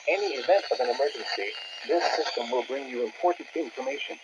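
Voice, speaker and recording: Over a muffled, noisy weather radio, a synthetic male text-to-speech voice reads scripted weather and alert bulletins as an automated announcer. The voice is mid-range and fast.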